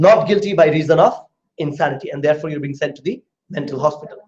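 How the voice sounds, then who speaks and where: This law tutor's classroom lecture comes in rapid-fire delivery from a fairly high, slightly mellow male voice. He breaks things down step by step and quizzes his students, and the audio is roomy, dull, and lo-fi.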